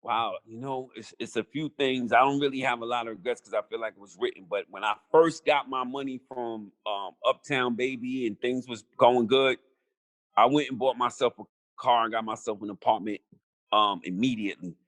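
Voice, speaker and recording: In casual conversation on a podcast, this middle-aged man swears freely and talks bluntly, frequently repeating himself when starting a thought, but grows quiet and reflective about his regrets. His medium-pitched voice keeps fairly even intonation at a moderate pace, with no echo.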